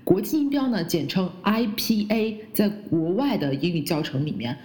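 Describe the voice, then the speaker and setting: A woman who speaks Chinese as her first language, teaching English pronunciation and slowly repeating the English words she models. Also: fairly low pitch, sing-song, mellow. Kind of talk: pronunciation lesson.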